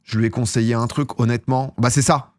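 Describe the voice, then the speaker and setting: A man's voice: medium pitch, fairly even intonation, quick pace, a little mellow, no echo, clean studio sound. A young man from France chatting casually on a live stream, rambling and slangy, often laughing at himself. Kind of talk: casual chat with chat viewers.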